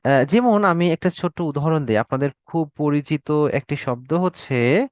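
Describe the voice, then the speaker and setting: A Bangladeshi male teacher giving an online Arabic class, his voice sitting a touch high for a man. He explains slowly and repeats key words, checking in with "okay?" again and again. The sound is close and dry, with no room around it. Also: no echo. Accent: Bangladeshi Bengali.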